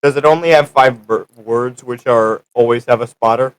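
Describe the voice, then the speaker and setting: A man's voice: medium pitch, moderate pace, clear, resonant tone, no echo, rough recording. Casual male tabletop player, mid-range voice.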